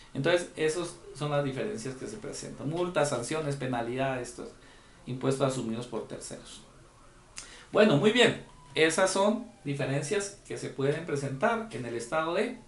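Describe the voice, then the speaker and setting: A man's voice: a little high, lively intonation, moderate pace, vocal fry, roomy sound. A man giving a conference lecture on tax rules, explaining step by step and often checking in with the audience. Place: conference room.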